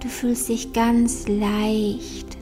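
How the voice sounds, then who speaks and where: A woman leads a guided meditation in a soft, breathy near-whisper. Her delivery is very slow and soothing, with long pauses. Gentle new-age music plays behind her. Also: on the high side, little pitch movement.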